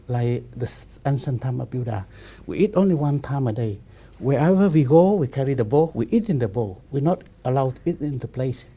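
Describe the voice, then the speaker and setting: Monk in his fifties with a very dark voice. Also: medium pitch. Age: 50s. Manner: halting, repetitive non-native English with many restarts. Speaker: Buddhist monk. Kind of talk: relaxed spiritual discussion.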